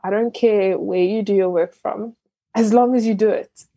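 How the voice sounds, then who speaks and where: Gravelly yet warm, her mid-range voice keeps a fairly even intonation and a moderate pace. She is a young Ghanaian business founder, the guest in an interview, answering reflectively with many fillers and restarts, with no room sound audible.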